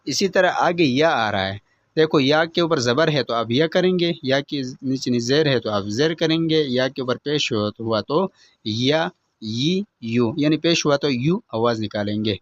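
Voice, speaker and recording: A male teacher giving an online reading lesson, patiently explaining step by step and slowly sounding out each letter and vowel in drills. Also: mid-range voice, lively intonation, no room sound, lo-fi sound.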